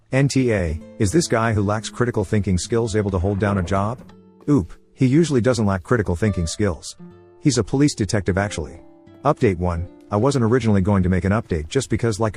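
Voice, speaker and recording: A man narrating forum posts as a story, reading quickly with few pauses. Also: on the low side, a little mellow. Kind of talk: fast scripted story reading.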